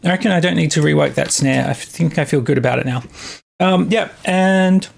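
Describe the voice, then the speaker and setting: Young adult streamer, gravelly vocal fry, mid-pitched, casual halting chat, thinking aloud while producing. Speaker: music producer streaming live.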